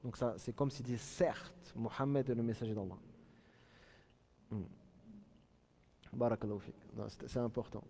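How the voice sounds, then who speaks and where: A man giving a religious lesson, explaining step by step and repeating Arabic phrases slowly to demonstrate them. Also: medium pitch, fairly even intonation, mellow, husky, in a large hall. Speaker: Islamic teacher.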